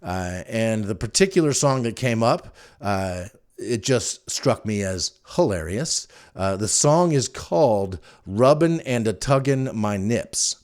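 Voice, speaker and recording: A man hosts a podcast, spinning stories to his listeners in a loose, rambling, wry and amused way. His voice sits fairly low, a little mellow, and he takes his time while staying animated.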